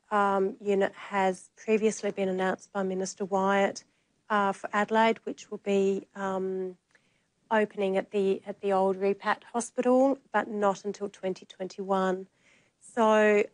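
A woman's voice: mid-range voice, no room sound, low-quality recording. Businesslike Australian woman, dry sound. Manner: businesslike, with hesitant fillers. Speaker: program director panellist. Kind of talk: panel discussion answers.

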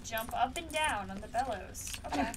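A woman's voice: a little high, moderate pace. A young woman streaming a game, chatting casually and reacting aloud with amused comments. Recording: distant mic with clear noise.

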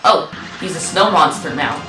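A woman's voice: sits low, lively intonation, moderate pace. A woman giving rambling, self-mocking commentary while she plays a video game. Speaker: gaming channel host. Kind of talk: gameplay commentary. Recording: echoey room, distant mic, game music. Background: game music.

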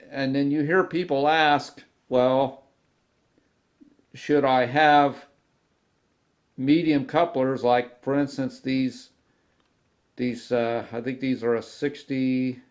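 A man's voice: medium pitch, a little mellow. A man hosting a casual hobby tutorial about model railroad cars from his workbench, talking unhurriedly with frequent restarts and fillers. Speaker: model railroad video host. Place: indoor workbench with model trains.

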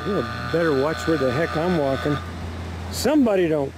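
A man's voice: on the high side, expressive, moderate pace, noisy background. Folksy man vlogging outdoors on camera. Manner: folksy, chatty and joking. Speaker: vlogger filming a walk. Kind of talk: casual walking vlog narration. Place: outdoors by a river park.

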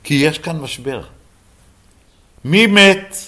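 A man's voice: a little high, expressive, pushed and bright. A rabbi giving a Bible lesson to a live class, who keeps asking his listeners questions and then answering them himself.

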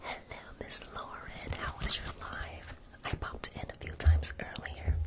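A young man whispering softly and casually to viewers as an ASMR livestream host, close to the microphone in a small room. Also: unhurried. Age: young adult. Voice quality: unvoiced whisper. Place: small bedroom, indoors. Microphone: close desktop microphone, sometimes with furry windscreen.

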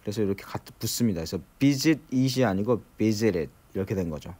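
Lively Korean man teaching English. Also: on the low side, slightly rough. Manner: explains step by step, slows down to repeat English phrases. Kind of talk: recorded lecture.

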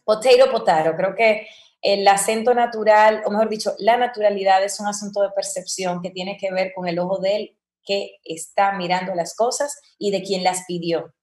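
A woman's voice: mid-range voice, normal speed. A woman, a voice-over coach, talking in a podcast interview and acting out quoted examples as she explains. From Dominican Republic. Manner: expressive, acts out quoted examples. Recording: roomy echo.

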